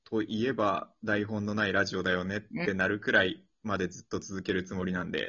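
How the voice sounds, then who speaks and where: A deep-voiced man hosting an improvised drama show on radio keeps a level tone but speaks quickly, sounding pushed and bright. He's chatting informally after a performance with loose, colloquial wording, on dull lo-fi audio.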